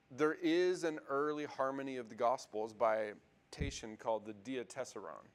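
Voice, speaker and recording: Guy teaching a bible class, loose and chatty, lots of ums, asks the room stuff. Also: medium pitch. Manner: conversational, many fillers and restarts, asks the class questions. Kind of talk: casual classroom lecture.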